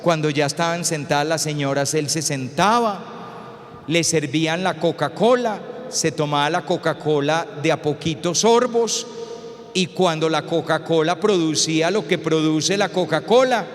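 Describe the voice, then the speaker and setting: High-voiced, slow-talking priest. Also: male voice. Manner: storytelling, acts out scenes, rhetorical questions. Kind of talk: humorous public lecture. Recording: reverberant lecture hall.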